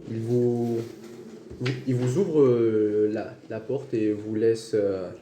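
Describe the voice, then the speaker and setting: A man's voice: lowish voice, steady tone, slow pace, dark tone. A man running a tabletop game as game master, improvising narration and often searching for words. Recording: roomy with faint noise.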